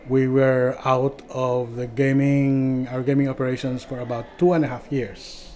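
Man giving halting, even-toned interview answers. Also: mid-range voice. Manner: halting, repeats words while searching for phrasing. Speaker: community organization vice president.

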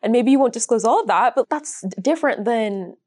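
A woman's voice: fairly high pitch, lively intonation, a little fast, darkish tone. A woman community resource coordinator answering interview questions, thoughtful and reflective, with frequent "like" fillers.

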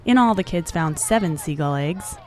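A woman radio reporter narrating a news feature in a measured, even delivery. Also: fairly low pitch, slight background noise.

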